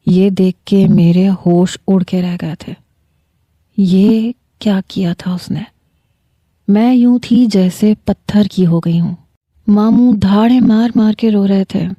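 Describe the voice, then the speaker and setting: A woman's voice: mid-range voice, warm tone, dry recording. A young adult woman narrating a dramatic first-person story with emotional delivery. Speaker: storyteller reading her own novels.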